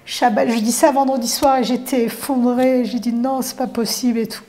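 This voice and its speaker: A woman's voice: on the high side, fairly even intonation, normal speed, mellow. A middle-aged woman, mother of a fallen soldier, tells personal memories and dreams with feeling, acting out the dialogue she quotes. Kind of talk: emotional personal recollection.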